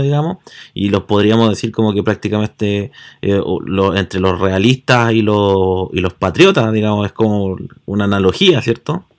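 A man with a Chilean accent explaining history in casual talk, often checking agreement with tag questions. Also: on the low side. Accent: Chilean Spanish.

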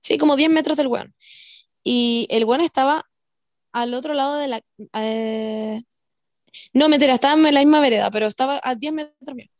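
A young woman with a Chilean accent telling a story to friends on a video call, animated and full of slang. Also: high voice, normal speed, long pauses, no echo, clean studio sound. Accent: Chilean Spanish. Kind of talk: casual chat.

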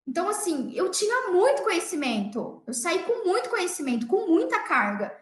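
High-voiced chatty Brazilian woman, echoey room. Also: sing-song, normal speed. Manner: chatty, often checks in with listeners. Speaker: dentist. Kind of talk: casual storytelling to an audience of colleagues.

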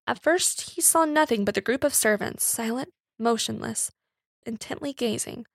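Woman narrator, slightly high, gravelly, dry close read of a period story. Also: no room sound. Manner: measured, expressive storytelling. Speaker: reader. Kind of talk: scripted narration of a Victorian short story.

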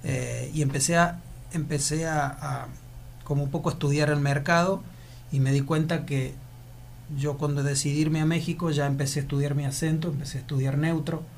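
A male actor from Argentina, with an Argentine accent, gives rambling, reflective interview answers full of restarts in a casual conversation. His voice is on the high side and steady, at a moderate pace with vocal fry, and a little hiss or hum is audible.

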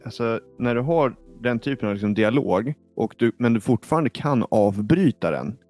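A man's voice: lowish voice, dry recording. A man hosting a casual gaming podcast, telling stories with lots of fillers and restarts. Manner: animated storyteller, many fillers. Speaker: podcast host.

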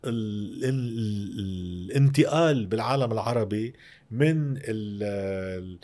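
A man's voice: on the low side, takes it slowly, a little mellow. A man with a Lebanese Arabic accent explaining economic matters emphatically as an interview guest, often posing rhetorical questions.

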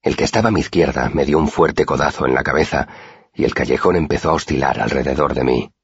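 A man narrating a first-person fantasy audiobook in an expressive storytelling manner. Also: rumbling low, fast, breathy edge, no room sound, muffled recording.

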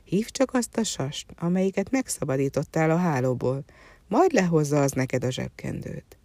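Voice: medium pitch, sing-song, a little mellow, no room sound. A storyteller voicing a faithful talking horse. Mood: reassuring. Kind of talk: storybook reading.

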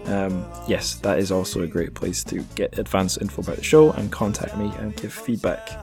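Over soft background music, a man with a deep, darkish voice closes out his solo podcast. He speaks at normal speed with fairly even intonation, rambling, joking and putting himself down as he plugs the show.

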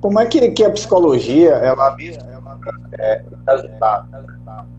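A man's voice: medium pitch, sing-song, moderate pace, darkish tone. A man interviewing over a live video call through headset earphones, his internet audio choppy and cutting out as he restarts and rephrases his questions. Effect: choppy internet call audio that keeps cutting out. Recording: dull lo-fi call audio with faint hum.

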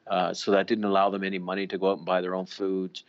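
A man who is a senior police official answering interview questions in a deliberate, official way, pausing with fillers. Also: deep voice, monotone, muffled recording. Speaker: police deputy commissioner.

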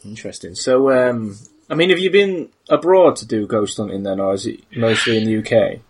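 A man's voice: on the low side, a little fast, slight background noise. A man hosting a podcast, asking meandering, hesitant questions with frequent restarts. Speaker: podcast host. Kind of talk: casual interview questions.

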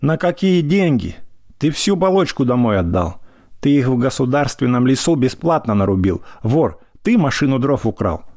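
A man reading aloud and voicing a shrill, scolding older village mother-in-law who threatens with trembling voice. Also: very animated, normal speed, darkish tone, dry recording, studio quality, lightly acted. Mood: shrieking.

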